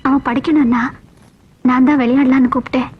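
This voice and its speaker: A woman playing a gentle young aunty. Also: sits high, steady tone, fairly quick, narrow, tinny audio, music in the background, natural voice. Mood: apologetic. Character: young woman who plays with the boy. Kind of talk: film comedy scene acting.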